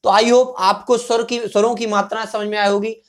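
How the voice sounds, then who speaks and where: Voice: mid-range voice, level tone. A Hindi teacher giving a classroom-style grammar lesson at a board, talking patiently, repeating words, and answering their own questions. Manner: fills pauses with a checking "okay".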